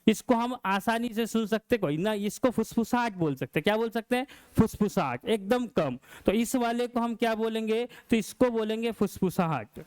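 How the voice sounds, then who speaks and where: A man's voice: high-pitched, normal speed, few pauses, darkish tone, clean tone, no echo. A male science teacher lecturing a class, asking questions and answering them himself.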